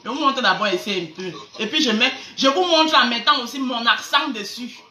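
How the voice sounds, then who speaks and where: A woman's voice: a little high, brisk, bright, forceful tone. A woman with a Cameroonian accent hosting a casual live stream, greeting viewers and mocking people with sarcastic, stammering repeats. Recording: echoey room, faint background noise.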